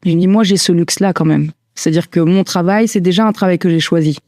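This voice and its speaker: A woman's voice: fairly low pitch, quick pace, darkish tone, no room sound. Woman, 40s, thoughtful guest, hesitant and rambling, dead-dry close sound. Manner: hesitant, many fillers and restarts. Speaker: guest, stylist and entrepreneur. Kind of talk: reflective casual conversation.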